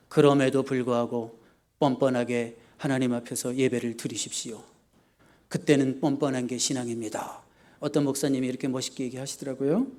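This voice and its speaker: A male pastor preaching a sermon in an animated way, swinging from soft asides to loud emphasis. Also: on the high side.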